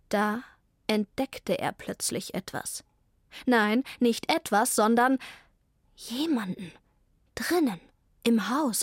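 A woman reads a children's animal story in a calm, clearly paced manner. Her voice is slightly high and very slow, recorded on a close studio mic with a dry sound. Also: no echo. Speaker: narrator.

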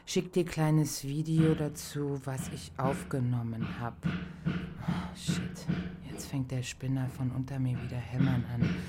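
A woman's voice: extremely low pitch, little pitch movement, unhurried, heavy background noise. An actress playing a woman recording a rambling, slangy voice message, hesitating often. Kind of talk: casual voice message.

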